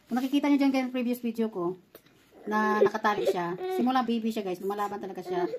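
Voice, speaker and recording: A young adult woman, a mother, chatting casually to her viewers as she works through a care task and gently coaxes her child. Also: medium pitch, quick pace, a crowd in the background. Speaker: mother caring for her baby. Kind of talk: casual vlog talk to viewers.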